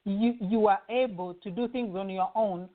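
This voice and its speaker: Guest: middle-aged Ugandan woman, mid-pitched, earnest, tinny phone audio. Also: moderate pace. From western Uganda. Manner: earnest, with frequent fillers and restarts. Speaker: guest, home care agency CEO. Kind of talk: conversational interview answers.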